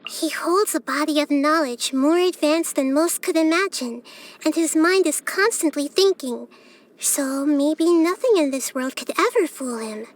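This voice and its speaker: Nahida, a high-voiced little girl deity. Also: expressive. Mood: pensive. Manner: thoughtful, measured, softly earnest storyteller phrasing. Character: small wise young girl deity, gentle and curious. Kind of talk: scripted video game character voice lines.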